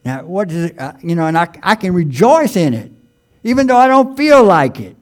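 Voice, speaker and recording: A man's voice: high-pitched, very animated. Man preaching a stammering, emphatic sermon. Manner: stammering, with many restarts and fillers; reads scripture slowly and emphatically.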